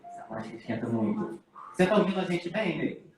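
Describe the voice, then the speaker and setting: A man's voice: a little high, expressive, brisk, crowd noise. A man hosting a casual live stream, practical and organizing, checking the sound and guiding the others. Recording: echoey room, distant mic, faint noise.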